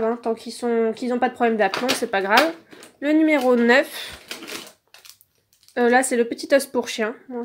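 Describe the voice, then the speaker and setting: There's background noise as this toy reviewer, whose voice is fairly high, opens and casually assesses toys. "Donc" and "euh" crop up often, and she films on a phone gripped in one hand.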